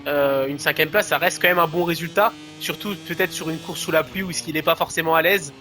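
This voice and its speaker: A man's voice: on the high side, fairly even intonation, fairly quick, pushed and bright. A man giving live play-by-play as a motorsport commentator on a motorcycle racing game.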